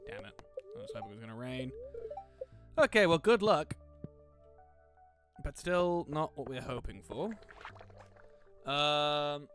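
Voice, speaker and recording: Slow, lively-pitched man playing a farming game. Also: soft background music. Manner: relaxed, thinking aloud with many fillers. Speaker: gaming commentator. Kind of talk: casual let's-play commentary.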